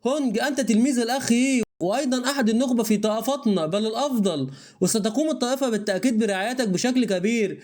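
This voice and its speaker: Anxious elder sect leader , read by a man, fast, high-pitched. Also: a little mellow. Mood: earnest. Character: worried middle-aged male sect leader.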